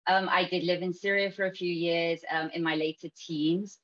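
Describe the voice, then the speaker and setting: A woman's voice: on the low side, steady tone, moderate pace, a bit bright, muffled recording. A woman with a British accent telling her own story as a panelist on a video call, earnest and full of "um" fillers. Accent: British English. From United Kingdom. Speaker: panelist, food company founder. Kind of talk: personal story on a virtual panel.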